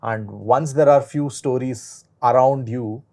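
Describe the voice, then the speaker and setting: A man's voice: medium pitch, slow, darkish tone. A man speaking conversationally as a participant in a panel discussion.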